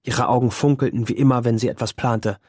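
A man narrating a first-person novel in a measured, quiet storytelling manner. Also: mid-range voice, steady tone, husky, no room sound, clean studio sound. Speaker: audiobook narrator.

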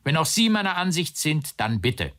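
A man's voice: a little high, sing-song, moderate pace, bright, forceful tone, pitched above the performer's own voice. A man voicing an agitated, indignant arrested man who exclaims in outraged, rising cries. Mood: stiffly formal.

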